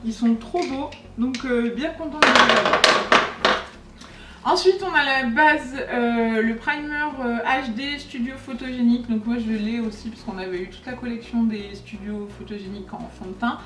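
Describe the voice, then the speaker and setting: A woman's voice: on the high side, moderate pace, fairly bright tone, far from the mic, slight background noise. A young woman chatting casually as she unboxes makeup for her vlog and talks to the products. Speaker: beauty vlogger. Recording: echoey room, voice a bit off-mic, faint music.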